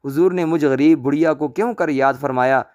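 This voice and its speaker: A man voicing a scheming old woman in a storybook tale, flattering one moment and hurling curses the next. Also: fairly high pitch, lightly acted. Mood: wheedling. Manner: flattering, then shrieking curses. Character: scheming old crone, wheedling and loud.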